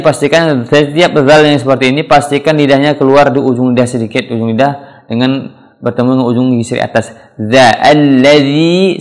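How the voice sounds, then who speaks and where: A man teaching Quran pronunciation, explaining patiently and then chanting verse fragments slowly. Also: mid-range voice. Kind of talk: tajwid lesson with slow recited examples.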